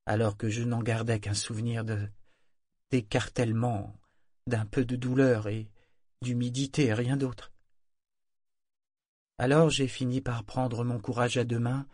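A man's voice: medium pitch, a little mellow, dry recording, studio quality, lightly acted. A man voicing a weary, guarded young woman sailor who confesses hesitantly.

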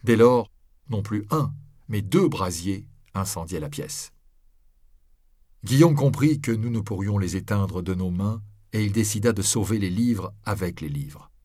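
A man reading a novel aloud in the first person, with steady, measured storytelling. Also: on the low side, no room sound, clean studio sound. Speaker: audiobook reader. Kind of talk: scripted novel narration.

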